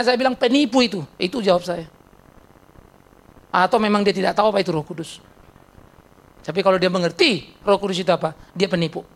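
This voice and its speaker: This male pastor delivers a blunt, emphatic church sermon in a creaky voice. He keeps throwing rhetorical questions at the congregation, and his pitch jumps sharply when he drives a point home.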